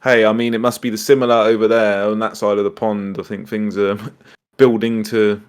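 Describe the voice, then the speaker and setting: A man's voice: fairly low pitch, flat delivery, moderate pace, smooth. A British man hosting a casual chat in an informal, rambling way. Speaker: host.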